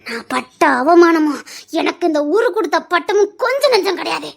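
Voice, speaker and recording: A woman's voice: extremely high pitch, very animated, normal speed, gravelly, exaggerated voice. An actress playing a bitter, abandoned middle-aged wife who lectures emphatically and repeats her warnings, in serial drama style. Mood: urging. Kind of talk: Tamil serial drama acting.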